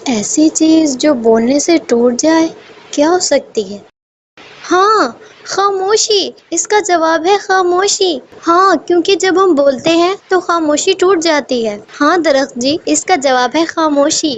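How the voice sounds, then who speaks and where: A woman voicing a meek, gentle young female sparrow in a cartoon, speaking politely and pleadingly. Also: very high voice, slight background noise. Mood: curious.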